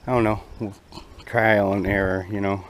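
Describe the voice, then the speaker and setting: A man's voice: on the low side, steady tone, normal speed, rough recording. A man chatting casually to his viewers while recording a camping vlog out in the open. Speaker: outdoor camping vlogger. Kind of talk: casual outdoor vlog chat. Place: outdoors on an open rocky lakeshore. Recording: outdoor action camera, faint background noise.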